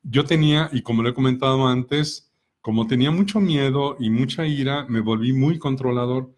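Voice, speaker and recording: Calm man explaining with examples. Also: mid-range voice, normal speed. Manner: calm, explanatory, asks many rhetorical questions. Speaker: co-host of a personal growth talk.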